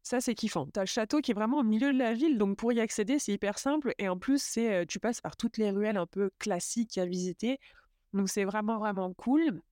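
A young woman hosting a podcast, chatting enthusiastically about a trip, with lots of fillers and quick asides. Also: medium pitch, darkish tone, dry recording, studio quality. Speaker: podcast host. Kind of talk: casual travel chat.

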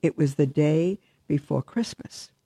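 A religious sister hosts a live show, warmly chatting briefly before steadily reading a Christmas story aloud to her listeners. Her low, husky voice is a little slow, captured in clean studio sound without echo.

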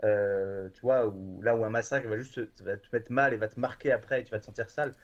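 A man's voice: fairly low pitch, fairly even intonation, fairly quick, lo-fi sound. A man chatting casually and enthusiastically, with many fillers and restarts. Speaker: guest from a horror streaming platform. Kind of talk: casual podcast chat.

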